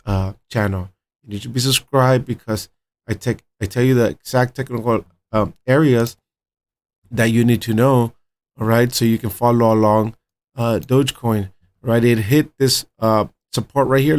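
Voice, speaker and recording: Upbeat man talking through trading charts. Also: medium pitch. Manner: upbeat, repeats "all right" and "right" as check-ins; talks straight to viewers as "my friends" and "guys". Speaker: crypto trading channel host. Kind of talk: live chart analysis commentary.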